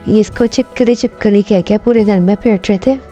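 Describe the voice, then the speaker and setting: A woman's voice: mid-range voice, normal speed, dark tone, lo-fi sound, faint music behind. A woman giving a casual voice-over for a family vlog, explaining what is happening in a plain, storytelling way. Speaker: vlog narrator.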